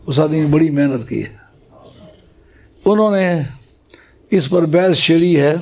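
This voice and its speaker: Male religious scholar, warm raised voice, patient explaining, slow Arabic recitation. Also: fairly high pitch. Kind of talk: scholarly religious talk to a gathering.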